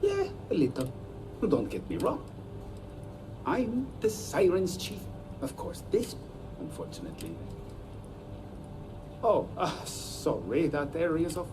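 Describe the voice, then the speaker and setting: An apologetic, flustered security chief in a sci-fi game. His pitch leaps about as he stammers politely, heard a little off-mic over clear background noise. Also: wildly swooping pitch, takes it slowly, pauses often, far from the mic, heavily acted.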